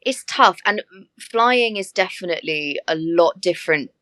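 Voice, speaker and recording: A woman who works as an air hostess, telling stories in a chatty, animated way with laughing asides. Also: lowish voice, moderate pace, no room sound. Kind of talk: casual interview chat.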